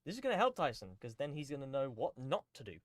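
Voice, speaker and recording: A man's voice: medium pitch, huge pitch swings, quick pace, dry recording, studio quality. A man giving casual, joking reaction commentary on songs as a streamer, laughing often and rambling with restarts.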